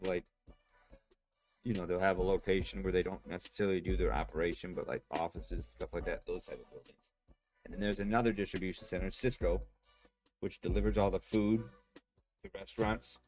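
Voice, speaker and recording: Low-voiced rambling male streamer. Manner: rambling, excitable, lots of fillers. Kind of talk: casual stream chat. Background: faint music.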